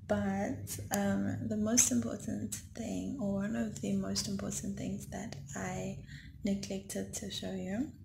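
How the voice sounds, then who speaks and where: A young woman from South Africa talks slowly and gushes with giggles. She is a vlogger, and she sits a little way from the microphone in an echoey room. Steady noise hums behind her voice. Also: medium pitch. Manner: gushing, giggly, fillers like "um" and "like". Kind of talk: excited unboxing vlog. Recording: echoey room, far from mic, clear background noise.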